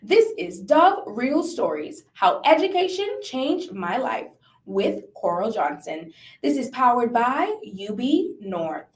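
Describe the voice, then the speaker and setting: A woman's voice: fairly high pitch, sing-song, takes it slowly. A woman announcer reading scripted promotional announcements in an upbeat, enunciated way. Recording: echoey room.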